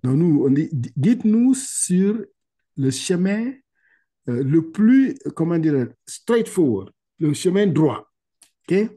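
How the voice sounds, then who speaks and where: The voice is male, fairly high and warm, with a sing-song quality, teaching Quran reading on a video call. Patiently going step by step, he checks in with frequent "ok?" and recites Arabic words in a slow, elongated way for repetition.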